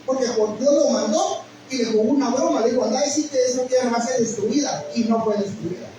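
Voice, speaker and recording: A man's voice: very high voice, fairly quick. Middle-aged man, pastor, emotional sermon storytelling; roomy distant pickup with noise. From Guatemala. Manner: emotional storytelling, addresses listeners as brother. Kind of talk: sermon testimony. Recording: echoey hall, mic at a distance, noisy.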